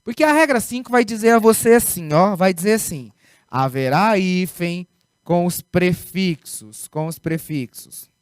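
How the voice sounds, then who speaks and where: Emphatic Brazilian teacher, dry close sound. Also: male voice, sits high, lively intonation, measured pace, clear, resonant tone, no room sound. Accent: Brazilian Portuguese. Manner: emphatic, repeats key words, asks rhetorical questions. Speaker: Portuguese grammar teacher. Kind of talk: recorded video lesson.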